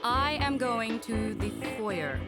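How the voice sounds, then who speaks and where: A disguised being stiffly faking being a human in a video game. It talks slowly in odd, over-formal phrases, with a lively, high-leaning pitch. Loud game music with guitar plays behind it. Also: female voice. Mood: stiffly polite. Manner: stilted, overly formal robotic phrasing.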